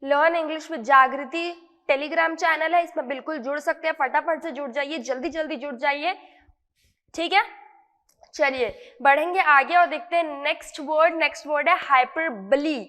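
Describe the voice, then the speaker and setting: A woman's voice: sits high, normal speed, sharp tone, long reverb tail. A woman teaching English vocabulary in an explanatory lesson, mixing Hindi and English and asking and answering her own questions.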